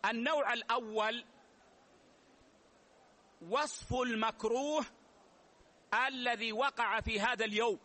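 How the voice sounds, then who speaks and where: A man, an Islamic scholar, giving a measured religious lesson and repeating key phrases slowly for his students. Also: very high-pitched, steady tone, pushed and bright. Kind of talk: religious lesson explaining rulings.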